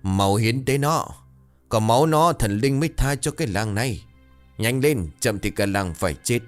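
A frenzied superstitious villager, voiced by a male narrator, shouting and urgent. His pitch leaps around with agitation in a horror storybook reading. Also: expressive, normal speed, soft background music, close to an everyday voice.

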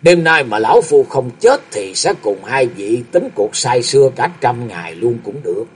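A storyteller putting on a stern old martial arts master, half-paralysed and past fifty, who speaks gravely and sighs heavily. His husky voice swings widely in pitch as he gives orders in a storybook tale. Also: very animated, moderate pace, faint music behind. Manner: grave, commanding, sighing.

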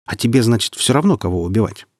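A man's voice: on the low side, lively intonation, quick pace, darkish tone, husky, dry recording, studio quality. A man reading the part of an earnest young man of conscience who speaks in an indignant, sincere way.

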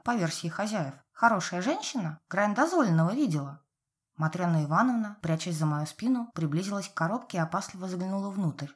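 A woman narrating a novel aloud in a wry, lively storytelling manner. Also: fairly low pitch. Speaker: audiobook narrator.

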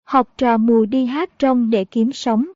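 A woman's voice: fairly high pitch, takes it slowly, no echo. Woman narrating a historical novel, muffled. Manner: steady reading, also of notes and citations. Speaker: audiobook narrator. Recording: dull lo-fi audiobook recording.

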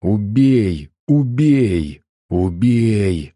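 A man's voice: fairly low pitch, animated, warm tone, no room sound, studio quality. A man voicing a hissing, menacing old hag. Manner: hissing, drawn-out.

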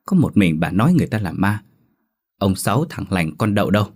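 A brusque, angry village husband snaps and scolds, as a man puts him on in a spoken ghost story. The voice stays very deep, and the lines come out short and sharp. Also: big pitch swings, a little fast, slightly rough.

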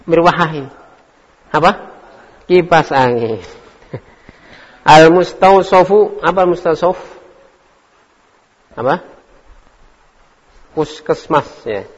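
A man leads an Arabic language class, calling on students one by one and correcting their answers. He speaks unhurriedly at a middle pitch. The recording is dull and lo-fi, with a long echo from a hall. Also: takes it slowly, long pauses, slightly rough. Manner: calls on students by name, quizzes and corrects them. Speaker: Arabic teacher.

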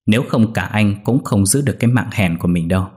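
A man's voice: lowish voice, quick pace, a little mellow, natural voice. A man voicing a scheming young maid who mocks her former sweetheart. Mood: mocking. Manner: mocking, clear ringing voice.

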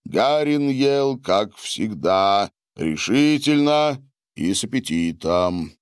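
A man narrating an audiobook in a measured, deadpan way on a close microphone. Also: lowish voice, clean tone, dry recording.

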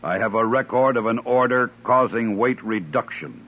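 An actor in an old radio play voicing a too-smooth, polite male robot servant who speaks in a measured, mechanical way. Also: medium pitch, a bit bright, lightly acted. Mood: calm. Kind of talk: 1950s radio drama acting. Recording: dull old radio broadcast.

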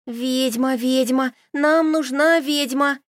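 A woman reader puts on a lively young woman friend with a high, ringing voice that pushes and coaxes. She is emphatic and insistent in an audiobook scene. The sound is dry and close. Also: moderate pace, dry recording. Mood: sing-song. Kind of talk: audiobook character voice.

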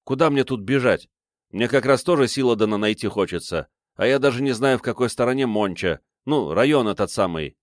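A man's voice: medium pitch, animated, brisk, no echo, studio quality, pitched above the performer's own voice, lightly acted. A man voicing an agitated young man who pleads and waves his arms in an audiobook. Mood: casual. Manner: shouting, pleading.

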